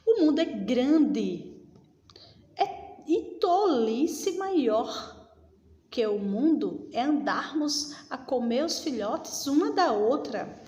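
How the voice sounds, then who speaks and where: A woman voicing a peace-seeking female owl from a fable, read slowly and earnestly. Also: high voice, animated, warm tone, dull audio. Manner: slow, earnest storybook reading. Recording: roomy echo with long reverb.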